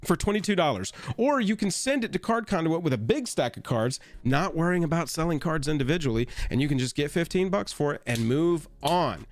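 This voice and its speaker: Soft music plays beneath a young man's fairly quick, high-leaning voice with lively intonation and few pauses. As co-host of a card game live stream, he chats playfully, breaks into silly voices, and handles a sponsor read.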